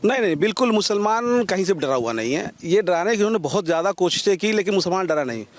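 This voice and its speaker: A man answering a street interview in a calm, measured way. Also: high voice.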